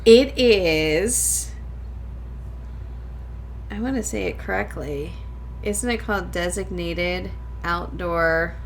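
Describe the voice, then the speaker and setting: A woman's voice: on the low side, slow pace, gravelly, pauses often, slight background noise. Chatty podcast host woman. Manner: chatty, laughs often. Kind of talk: casual podcast chat.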